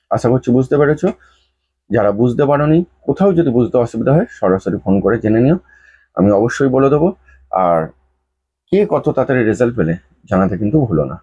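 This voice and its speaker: A man's voice: medium pitch, mellow, breathy edge. A man speaking to his viewers as an astrologer, patiently explaining a remedy and repeating each step. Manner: repetitive, patient explaining, addresses viewers directly. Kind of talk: instructional talk to viewers. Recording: dull lo-fi sound.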